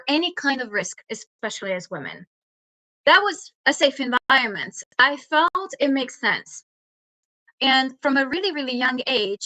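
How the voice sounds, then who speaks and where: A woman speaks on a video call, her voice bright and a touch higher than most. She talks earnestly, with frequent small hesitations. The sound is dry and close, with no room echo. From Hungary. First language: Hungarian. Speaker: guest speaker, startup mentor. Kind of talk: online talk presentation.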